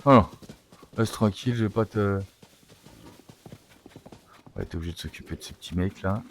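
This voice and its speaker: A man giving live gameplay commentary as a streamer, excitable and coaxing, talking straight to the game. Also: on the low side, moderate pace, background noise. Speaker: let's play streamer.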